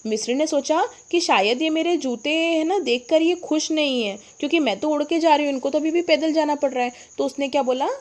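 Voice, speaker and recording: Woman teacher, high voice, explains a story to kids, asks and answers questions. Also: brisk, few pauses. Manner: asks the class rhetorical questions. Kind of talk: explaining a story lesson to children.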